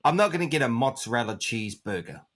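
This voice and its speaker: A man talking on a podcast at an ordinary middle pitch. He speaks in a relaxed, slightly halting way. His humor is dry and sarcastic. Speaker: podcast co-host. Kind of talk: casual chat.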